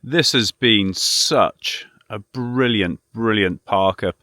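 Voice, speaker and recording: A man's voice: on the low side, takes it slowly, pushed and bright, dry recording, clean studio sound. A British man chatting casually to camera as a vanlife vlogger, in a rambling, self-deprecating and mildly sweary way. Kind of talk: casual vlog chat.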